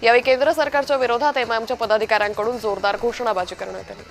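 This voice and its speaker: A woman reading a fast news bulletin as anchor, in a brisk, even headline delivery. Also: a little high, vocal fry, soft background music. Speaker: news reader.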